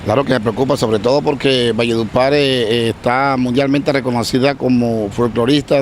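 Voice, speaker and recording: A man speaks in a street interview, pausing and repeating words as he works through his point. His voice sits in a middle register, and faint street noise and passing traffic can be heard behind him outdoors. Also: mid-range voice. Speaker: interviewee on a local issue.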